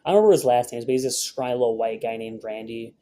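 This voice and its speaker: A man's voice: medium pitch, quick pace, dark tone, slight background noise. A young man vlogging, telling a rambling, profane story in a brash, casual way with many fillers.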